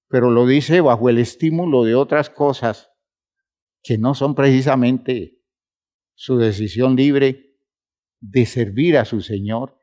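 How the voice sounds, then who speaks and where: A man delivers a sermon at an unhurried, deliberate pace. His voice sits at a middle pitch, and he calls out to his listeners as brothers. He rises in emphasis on key words. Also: darkish tone. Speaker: preacher.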